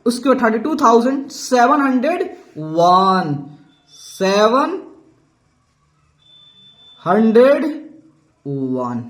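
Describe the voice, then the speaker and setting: A man's voice: very high voice, very animated, very slow, long pauses. A man teaching a math lesson to students. He talks in a coaxing, encouraging way and keeps repeating himself to prompt them. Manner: coaxing and repetitive, calls the viewer "bhai" and "dost"; upbeat and encouraging. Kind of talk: classroom lesson explaining to students.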